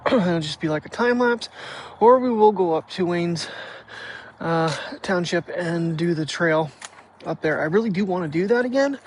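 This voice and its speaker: Here the vlogger's voice sits high, and the audio is poor with slight background noise, captured directly by a phone mic. He's outdoors at night with his dog, rambling about gear and the cold as he thinks aloud in a casual daily vlog.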